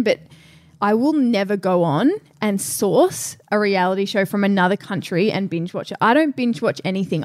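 A woman's voice: mid-range voice, dry recording, studio quality. Casual young woman co-host, closely recorded. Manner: informal, frequent "like" and self-quoting. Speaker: podcast co-host. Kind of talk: casual chat.

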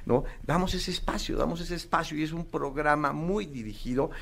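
A man's voice: on the high side, normal speed, creaky, fairly bright tone, a little hiss or hum. A man giving parenting advice in an earnest coaching manner, speaking to the listener directly. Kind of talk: advice talk.

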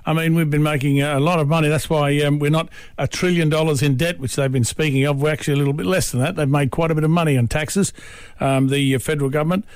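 A man's voice: a little high, steady tone, quick pace, smooth, no echo, clean studio sound. A man with an Australian accent, hosting talkback radio in an agreeable, conversational way. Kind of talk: casual radio discussion.

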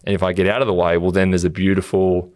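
A man's voice: deep voice, level tone, fast, darkish tone, no room sound, studio quality. An Australian man co-hosting a podcast, talking earnestly in a casual motivational chat and acting out things he would say to himself. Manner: earnest, acts out quotes of himself. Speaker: podcast co-host.

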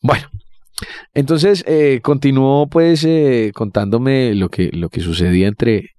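A man's voice: mid-range voice, takes it slowly, mellow, clear, resonant tone, no echo. A young man with a Colombian accent trades crude, joking banter as a podcast co-host, with lots of slang. His voice sits mid-range and sounds dry and close to the mic. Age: young adult. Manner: slangy, joking, talks in bursts.

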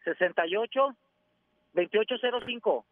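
A Mexican man calling in over the phone to a radio show, chatting casually in a relaxed, slangy way. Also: high voice, moderate pace, no echo. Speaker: caller. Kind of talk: casual call-in chat. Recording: tinny phone line.

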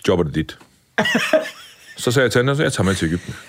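A man in his fifties, a chef and interview guest, telling stories casually in a lively, blunt way with some mild swearing. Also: fairly low pitch, dry recording. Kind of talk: casual storytelling in a podcast interview.

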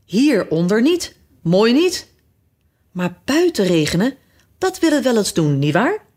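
Woman doing a shrill, tantrum-prone twin boy. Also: big pitch swings, a little slow, a little mellow. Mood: smug.

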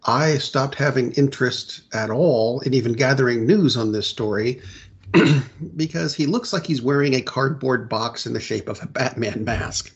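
A middle-aged man co-hosting a casual podcast, rambling and correcting himself, clearing his throat often. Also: medium pitch, normal speed, muffled recording. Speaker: podcast co-host. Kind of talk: casual chat about comic book films and shows.

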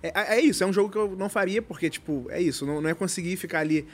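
A man's voice: high voice, very fast. A Brazilian man with a tongue-tied, slushy lisp on his s sounds, chatting casually and insistently, often repeating himself. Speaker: reality show ex-contestant guest. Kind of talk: casual chat.

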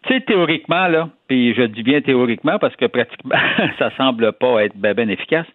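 A man's voice: mid-range voice, animated, a little fast, no room sound. A male columnist with a Quebec French accent giving colloquial, conversational commentary, repeating words for emphasis over a narrow phone-like line. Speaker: financial columnist and radio contributor.

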